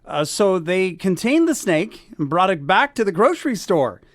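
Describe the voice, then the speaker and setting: Lively, high-voiced male radio host. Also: moderate pace, no echo, studio quality. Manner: chatty, wry asides. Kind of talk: reading news stories on air. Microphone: studio mic.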